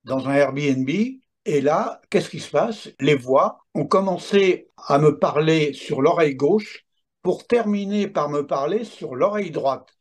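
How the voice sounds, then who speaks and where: A man in his seventies tells his own story as an interviewee. His voice sits a little high and sounds husky. He talks emphatically and drops in small asides to drive his points home. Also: measured pace. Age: 70s. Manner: emphatic storyteller, adds asides like "hein, attention". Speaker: interviewee recounting paranormal experiences. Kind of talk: animated personal testimony.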